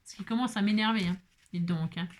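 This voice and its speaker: A woman's voice: mid-range voice, fairly quick. A woman hosting a casual crafting tutorial, chatty and self-mocking, repeating herself and talking straight to her viewers. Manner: chatty and self-mocking, jokes and laughs often; repeats words, talks directly to viewers. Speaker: craft channel host.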